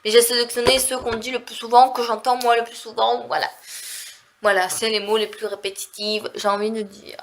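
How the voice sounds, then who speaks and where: A woman from southern France talks straight to her viewers in a rambling vlog, her voice nasal and set a little high. She keeps circling back with fillers as she chats. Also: little pitch movement, a little fast. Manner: chatty, rambling, heavy on fillers. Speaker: vlogger. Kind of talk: casual vlog chat.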